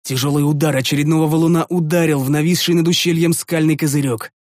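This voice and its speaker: A man's voice: on the high side, steady tone, quick pace, a little mellow, dry recording. A man narrating a fantasy audiobook in the first person, tense and dramatic, recorded on a studio microphone.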